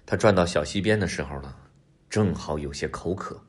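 A man narrating a children's story, expressive and speaking directly to the kids. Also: low-pitched, brisk, breathy edge.

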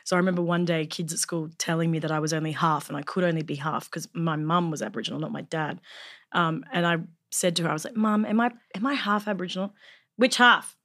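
A young Australian woman, a trained actor and podcast co-host, chats casually with a fairly low, slightly bright voice, steady in tone and quick in pace. She laughs often and comes across as grounded and reflective.

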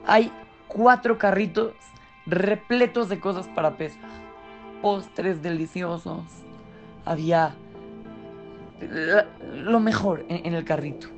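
A storyteller voicing an impatient rich man who shouts at someone holding up a checkout line. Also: medium pitch, lo-fi sound, soft background music. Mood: generous. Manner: yelling, indignant, rapid.

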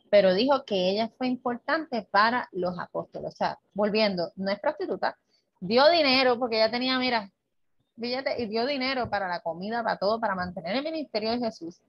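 A woman hosting a casual talk on Bible topics, lively and conversational, often checking in with the listener and acting out dialogue. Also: medium pitch, breathy edge, no echo. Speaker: host. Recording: dull, muffled dry sound.

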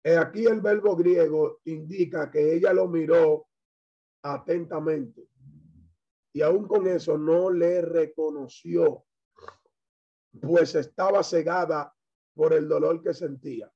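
A man's voice: a little high, fairly even intonation, slightly rough, muffled recording. A man preaching a sermon in Spanish, explaining a Bible passage verse by verse and quoting scripture. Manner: slow, measured preaching with scripture quotes.

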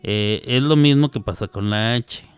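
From a radio studio, a fiftyish Mexican host keeps up a chatty, digressive, playful conversation, often correcting himself along the way. He speaks at a moderate pace in a lowish, clear, resonant voice, and the recording is dry.

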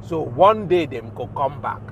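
A man from Nigeria with a Nigerian accent, hosting a show with an informal Pidgin rant in a halting, repetitive, emphatic manner. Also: fairly high pitch, expressive, a little hiss or hum. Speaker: show host.

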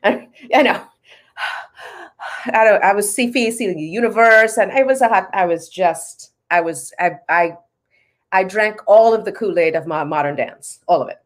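A middle-aged woman from Trinidad, a dance professor, telling her story in a casual interview with playful, animated energy. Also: medium pitch, a little slow.

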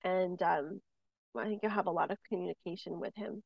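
Low gravelly woman relaying spirit messages. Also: brisk, no echo, muffled recording. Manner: rambling with many fillers and restarts, lively when telling stories. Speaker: medium, podcast co-host.

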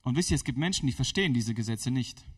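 Fast-talking church interpreter. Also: male voice, medium pitch, animated, a bit bright. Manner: quick, matter-of-fact, with occasional self-corrections. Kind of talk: live sermon interpretation.

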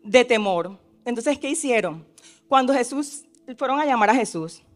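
A woman's voice: on the high side, lively intonation, moderate pace, faint music behind. A woman preaching a sermon who keeps asking her listeners questions and acts out the cries in the story. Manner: asks the listeners frequent questions, adds tag questions; acts out the disciples' cries with rising force.

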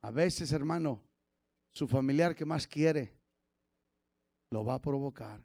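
A man preaching a fiery sermon as pastor, dropping to low murmurs and rising to shouted exhortation, often calling out "hermano". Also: slow, gravelly, no room sound. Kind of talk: fiery Pentecostal-style sermon.

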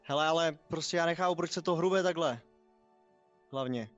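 A man's voice: a little high, fairly bright tone, lo-fi sound, soft background music. Man running an online tabletop game. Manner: apologetic, puzzled about his lagging connection. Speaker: game master. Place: at home on an online call.

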